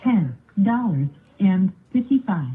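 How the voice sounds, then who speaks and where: A woman's recorded voice gives an automated jail phone announcement in a flat, measured way, heard on a prison phone line. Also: medium pitch. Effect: recorded prompt on a prison phone line.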